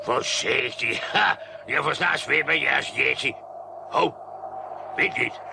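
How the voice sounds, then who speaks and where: An actor playing a gruff, hard-drinking ship's captain who bellows strings of insults, in a radio play. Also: male voice, mid-range voice. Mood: scoffing. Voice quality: gravelly. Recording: noisy old radio-play recording.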